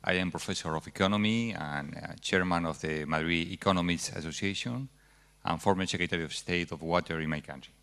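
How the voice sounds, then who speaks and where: A man's voice: sits low, fairly quick, gravelly, a bit bright. A man from Spain, an economics professor introducing himself formally in a plain way, with some fillers. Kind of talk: formal self-introduction at a ministerial meeting.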